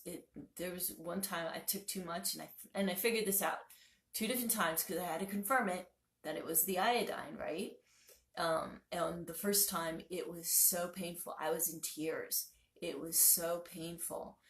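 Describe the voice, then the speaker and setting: A woman chats to camera as a spiritual vlogger, circling back and correcting herself often. Her voice sits low and has a gravelly fry. The room around her rings with echo. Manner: rambling, self-correcting, many fillers. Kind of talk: casual talk to camera.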